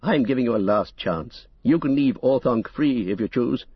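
A man voicing a stern, commanding old male wizard with a husky voice. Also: medium pitch, lively intonation, normal speed, dry recording, muffled recording. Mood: earnest. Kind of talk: audiobook character reading.

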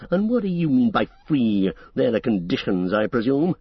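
A man voicing a proud, scornful old male wizard whose voice is shrill and cold, mocking as he speaks. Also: sing-song, moderate pace, breathy edge, dry recording, muffled recording. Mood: sneering. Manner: mocking, sneering. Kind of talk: audiobook character reading.

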